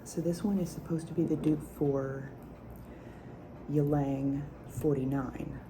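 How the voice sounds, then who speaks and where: Soft spoken asmr lady, really low n slow, nearly whispering a review, nail tapping noise. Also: fairly even intonation. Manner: soft, hushed, near-whispered speech.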